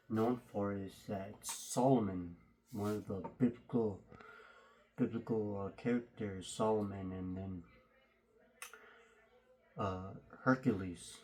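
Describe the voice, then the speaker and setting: A man hosting a casual, unscripted unboxing video, speaking haltingly with his voice slightly muffled through a face mask. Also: fairly low pitch, darkish tone. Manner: halting, hesitant delivery. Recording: faint background noise, clicks.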